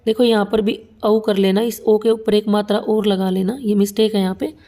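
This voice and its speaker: A woman's voice: medium pitch, fairly even intonation, normal speed, dark tone. A young woman teaching Hindi grammar for exam prep, explaining each example step by step and often checking that students follow. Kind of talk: exam-prep lesson at a whiteboard.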